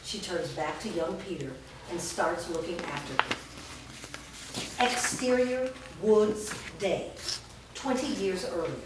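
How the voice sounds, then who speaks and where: As narrator of a staged reading, a woman reads scripted stage directions aloud in a lowish voice, slowly and with long pauses. She's recorded from afar in a large echoey room, and the audio is noisy.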